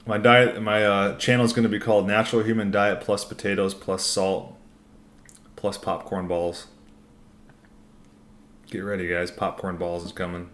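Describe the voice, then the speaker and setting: The livestream host, a man with a low voice, goes through viewer comments and responds loosely and informally, often rambling. Slight background noise is audible.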